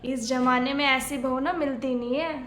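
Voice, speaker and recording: A woman playing a gentle, soft-spoken older mother who calms and mildly scolds her daughter. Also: high voice, normal speed, slight background noise. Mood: soothing. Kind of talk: homemade family skit acting. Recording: echoey room.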